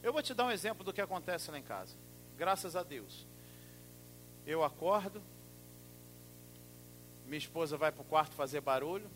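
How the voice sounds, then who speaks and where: A middle-aged man preaching a sermon, emphatic, swinging from loud exclamations to soft asides. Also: on the high side, sing-song, moderate pace, pauses often, soft background music.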